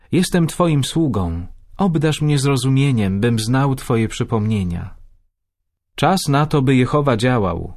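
A man giving a measured, solemn scripted reading of scripture. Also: medium pitch, a little mellow.

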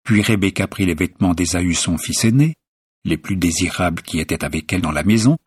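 A man reading a scripture passage as scripted narration, in a measured, even manner. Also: low voice, slightly rough, no room sound, clean studio sound. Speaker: scripture reader.

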